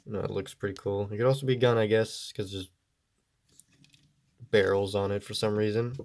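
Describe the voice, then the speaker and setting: A man with a slightly low voice that sounds stuffy and congested, as if his nose is blocked. He talks through a toy review in an easygoing, rambling way. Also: steady tone, a little fast, a little mellow. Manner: easygoing, meandering explanations.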